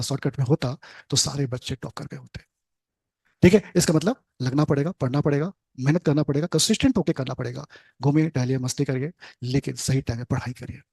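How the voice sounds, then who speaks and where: Fast, earnest Indian male teacher. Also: on the high side, gravelly, darkish tone, slightly rough, no room sound. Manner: earnest, exhorting, lists advice in short phrases. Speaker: coaching teacher. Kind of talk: motivational talk to students.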